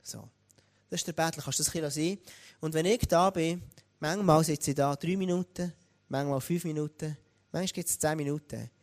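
A man with a Swiss German accent preaching a sermon, talking straight to the congregation in a lively way. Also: fairly high pitch, fairly quick. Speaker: pastor.

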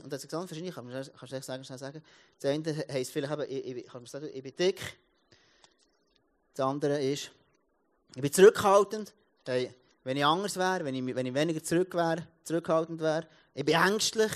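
A man in his thirties with a Swiss German accent, giving a casual sermon as a pastor, telling stories with many restarts. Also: fairly high pitch. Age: 30s. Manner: lively storytelling, many restarts and repeated words.

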